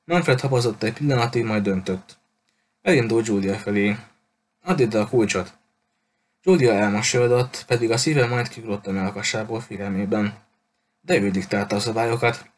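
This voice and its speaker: A man narrating an audiobook chapter in a steady storytelling voice. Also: lowish voice, slight background noise.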